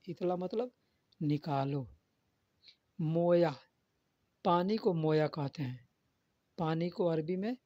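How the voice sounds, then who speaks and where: A man's voice: a little high, mellow, no room sound. A man giving a spoken vocabulary lesson, patiently repeating each word and its meaning. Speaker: Arabic vocabulary teacher. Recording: dull, lo-fi dry recording.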